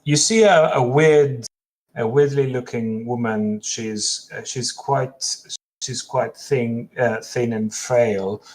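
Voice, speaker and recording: Slow, halting man narrating a game. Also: medium pitch, poor audio. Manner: halting, many fillers and restarts. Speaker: game master.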